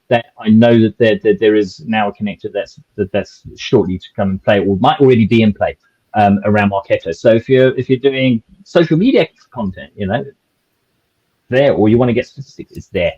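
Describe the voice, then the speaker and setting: Man, south african accent, webinar panelist, dark mellow tone, dull lo-fi sound. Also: lowish voice. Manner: rambling, many restarts and fillers. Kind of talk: conversational webinar discussion.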